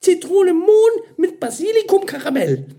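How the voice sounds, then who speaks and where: A frantic young waitress yelps in a piercing high voice, as a man reading the story puts her on. She is clumsy and overexcited, words tumbling out breathless and bright. It sounds like a storybook read aloud. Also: big pitch swings, slow pace, heavily acted. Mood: eager, bubbly.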